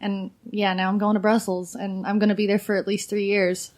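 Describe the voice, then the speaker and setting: Podcast guest, woman in her thirties, talkative and giggly, unhurried everyday delivery. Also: mid-range voice, little pitch movement, a little mellow. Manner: chatty, fillers of "like", frequent laughter. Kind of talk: casual chat.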